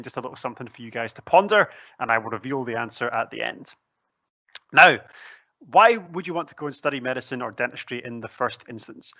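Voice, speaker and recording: A man's voice: mid-range voice, pushed and bright, no room sound, highs cut off. A young man with a broad Scottish accent giving a chatty, articulate, lightly humorous presentation into a headset. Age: young adult. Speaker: student recruitment officer giving a presentation. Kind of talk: conversational pre-recorded presentation. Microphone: headset, seen on webcam.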